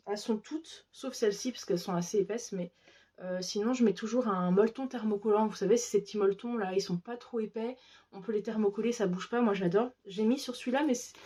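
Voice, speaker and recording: Woman, craft vlogger, casual show-and-tell, chatty and enthusiastic, warm mellow voice. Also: medium pitch. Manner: enthusiastic, chatty with many fillers.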